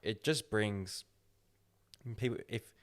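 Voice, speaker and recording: Male podcast host, low-pitched, speaks slowly and deliberately with firm opinions. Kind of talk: casual podcast chat.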